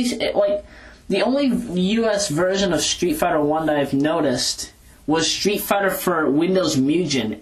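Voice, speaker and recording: Holding a recorder that moves back and forth, a video blogger gives a loose, rambling audio log in a medium-pitched voice. The recording is rough, and the speech is casual, hesitant, and full of self-corrections.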